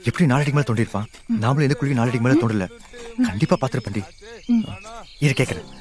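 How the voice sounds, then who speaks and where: An actor playing a harried young man who runs a haunted hotel, brisk and reassuring. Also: medium pitch, a little mellow, lightly acted. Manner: brisk, reassuring then pleading.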